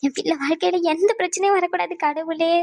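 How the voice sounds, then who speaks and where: A woman's voice: very high-pitched, quick pace, fairly bright tone, no room sound, clean studio sound. A woman voicing an older mother-in-law in a cartoon family drama, wailing and accusing.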